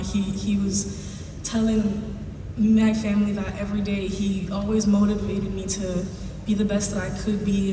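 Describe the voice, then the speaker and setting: A young woman, daughter of the deceased, giving an earnest and slightly hesitant memorial speech at a podium. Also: mid-range voice. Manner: earnest, sincere, a bit hesitant. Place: large hall at a podium. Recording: echoey hall from a distance with noise.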